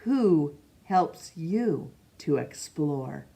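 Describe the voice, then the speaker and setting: Reading a picture book to children, a storytime reader speaks in a low-pitched, animated, gravelly voice. She moves slowly and gently through it, stopping to ask the listener questions and now and then rereading a name after a stumble.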